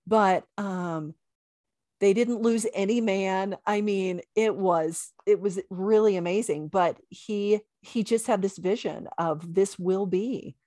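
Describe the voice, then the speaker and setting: A woman's voice: medium pitch, slow pace, warm tone, dry recording, studio quality. A woman talking casually as a guest in a conversational interview, with an emphatic, affirming way of speaking. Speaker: podcast guest.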